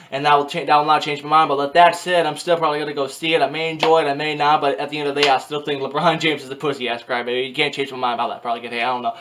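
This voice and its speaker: A vlogger in his early twenties rambles casually to his webcam in a small bedroom, restarting often and repeating filler phrases. His voice is on the high side and a bit bright. It's a casual talking-head vlog.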